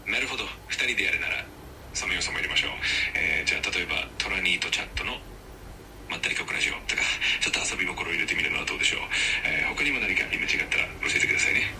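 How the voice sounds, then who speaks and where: A male AI assistant voice, low and gravelly with a fast, bright delivery. He stays polite and earnest, with stiff, formal phrasing even when he slips into a put-on Kansai dialect. The voice sounds somewhat distant from the mic, over a faint hiss. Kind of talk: polite scripted assistant chat.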